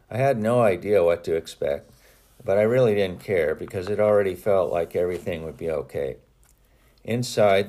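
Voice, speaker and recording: A man with a deep, low voice reads his own memoir aloud. His tone is mellow and relaxed, and his manner is earnest and reflective, with a few small restarts along the way. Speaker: author reading his own book. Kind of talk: audiobook narration.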